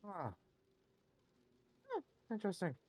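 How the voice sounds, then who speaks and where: A man's voice: high voice, wildly swooping pitch, takes it slowly, a little mellow, no echo. A man playing a tabletop game, bantering in character in a wry, slightly formal way.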